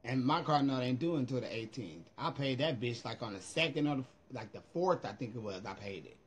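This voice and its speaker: A man's voice: mid-range voice, expressive, brisk. A middle-aged American man chatting casually on a livestream in a sassy, emphatic way, swearing freely, recorded on a phone in a room at home. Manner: sassy, emphatic, profanity-laced. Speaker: vlogger. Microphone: phone at arm's length.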